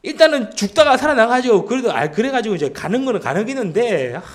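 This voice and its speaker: A man's voice: very high-pitched, big pitch swings, fast talker. A man preaching a Sunday sermon in a church, reading scripture aloud and asking the congregation questions. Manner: chuckles to himself now and then. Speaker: pastor. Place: church sanctuary.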